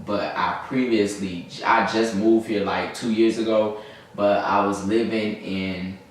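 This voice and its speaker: With a Southern accent, this young man from Birmingham, Alabama, rambles through a slangy story-time chat to camera, getting sidetracked easily. He has a lowish voice with fairly even intonation and a slightly slow pace. The audio comes from a distant mic in a very echoey room, with a little faint noise.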